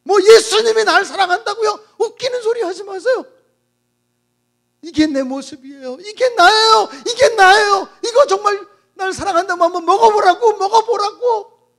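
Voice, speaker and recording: A preacher acting out a bitter, desperate young woman dying of lung disease, shouting and sobbing her accusations. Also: very high-pitched, moderate pace. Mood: anguished.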